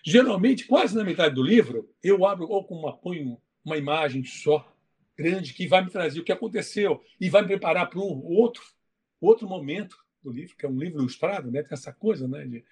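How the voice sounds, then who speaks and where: A man who writes children's books, talking in an interview and telling stories in a lively way, acting out the voices in his anecdotes. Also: fairly high pitch, brisk, breathy edge. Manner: animated storytelling, acts out voices. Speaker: children's book author. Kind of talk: interview talk.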